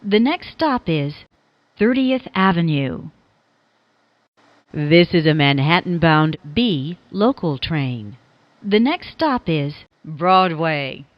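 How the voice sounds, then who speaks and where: A female train announcer reads scripted transit messages in a low voice, each formulaic phrase carefully enunciated and sounding spliced together. The audio is echo-free with the high frequencies cut off.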